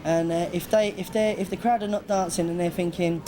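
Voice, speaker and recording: Hesitant DJ on noisy tape. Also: male voice, high-pitched, fairly even intonation, fairly quick. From London, England. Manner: hesitant, filler-heavy, earnest. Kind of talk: casual interview chat. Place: airport. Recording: noisy location recording.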